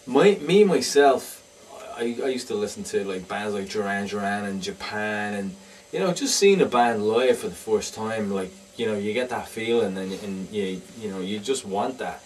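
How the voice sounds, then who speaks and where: A man's voice: fairly low pitch, a little mellow. A man with an Irish accent, a band percussionist, talking hesitantly with many fillers in a casual interview at a lounge bar. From Dublin, Ireland. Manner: hesitant, full of "you know". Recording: distant mic, faint room noise.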